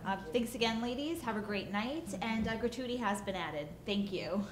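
A woman's voice: fairly high pitch, animated, normal speed, crowd noise, close to an everyday voice. A woman playing a weary, sarcastic waitress with a dry delivery. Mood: polite. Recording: loud background noise.

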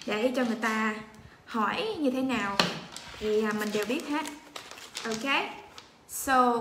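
A woman with a Vietnamese accent teaching English pronunciation on a livestream, repeating each letter slowly for her learners. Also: fairly high pitch, fairly bright tone, echoey room, slight background noise. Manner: slow drilled letter-by-letter repetition.

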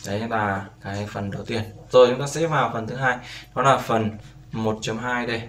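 A man's voice: mid-range voice, steady tone, a little fast, fairly bright tone. A man teaching a beginner English lesson, patiently repeating each word and often checking with "right?". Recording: roomy echo with faint background noise.

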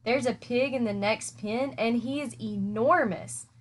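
A woman's voice: a little high, measured pace. A woman voicing a wise, polite female spider in a storybook reading, composed and dry.

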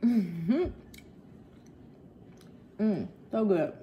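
A woman's voice: mid-range voice, expressive, extremely slow, dull audio, a little hiss or hum. A young woman vlogging casually in her kitchen, chatting to viewers with her mouth full of bacon. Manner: chatty, addresses viewers as "y'all". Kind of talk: casual cooking and eating vlog. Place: home kitchen.

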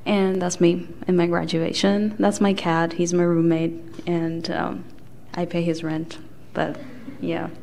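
A young woman from Bangladesh, a graduate student, giving a casual, relaxed self-introduction with many fillers in a lecture hall. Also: on the low side, a little slow, gravelly, a little hiss or hum.

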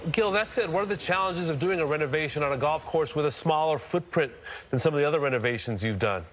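A man's voice: on the high side, fast. A man hosting a TV golf show in the studio, asking direct interview questions. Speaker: TV studio host.

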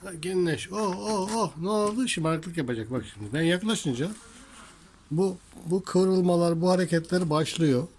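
A man with a somewhat high voice chats casually to his cats in a home workshop, slipping into sing-song baby talk. He turns earnest and indignant when he speaks of cruelty to animals. A faint noise floor sits under the recording. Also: a little slow, a little mellow. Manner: affectionate baby talk to cats, rising to high teasing tones; indignant about people who harm animals. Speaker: vlogger talking to his cats. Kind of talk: casual talk to pets and viewers.

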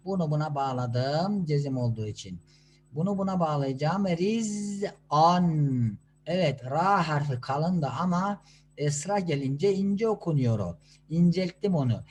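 A man teaching children to read Quranic letters, sounding out syllables slowly and patiently and answering his own questions. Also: fairly high pitch, expressive, darkish tone, slight background noise. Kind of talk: slow classroom instruction.

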